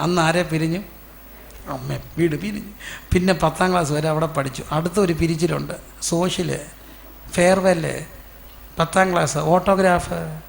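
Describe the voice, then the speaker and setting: A male pastor from giving a sermon. He asks the congregation questions and answers them himself, and acts out quoted voices in sudden loud bursts. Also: on the high side, vocal fry, slight background noise.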